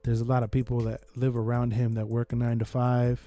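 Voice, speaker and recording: A man's voice: medium pitch, monotone, fairly quick, dark tone, faint music behind. A man hosting a podcast, chatting casually in slangy, informal language as he gives his reviews. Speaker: podcast host. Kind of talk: casual chat, reviewing games and comedy specials.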